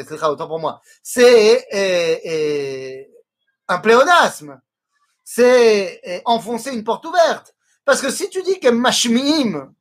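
Male Torah teacher, husky voice, animated delivery, mixes in Hebrew recitations. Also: sits high. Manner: explains slowly, weaving in chanted Hebrew quotes. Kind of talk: explanatory religious lesson.

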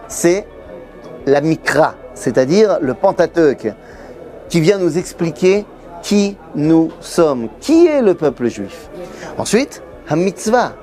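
A middle-aged man giving a lively Torah lesson to camera in a busy yeshiva study hall, telling it like a story. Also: fairly high pitch. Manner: lively storyteller, acts out quoted voices. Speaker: Torah teacher.

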